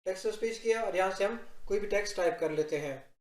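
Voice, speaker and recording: A man giving a software tutorial, explaining step by step and addressing viewers directly in an instructional narration. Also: sits high, brisk. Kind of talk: instructional screen-recording narration. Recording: roomy, echoing voice-over.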